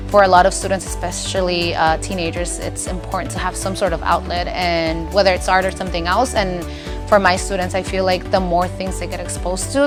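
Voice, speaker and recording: Calm, flat-voiced woman teacher. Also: fairly low pitch. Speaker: high school math teacher. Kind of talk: documentary interview.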